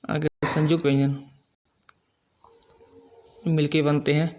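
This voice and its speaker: Brief: middle-aged male teacher, slightly high, even-toned delivery, patient and methodical, stretches out example syllables. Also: a little hiss or hum. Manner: slow, explanatory, drawing out sounds as examples. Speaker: Hindi grammar teacher. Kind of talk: classroom-style grammar lesson.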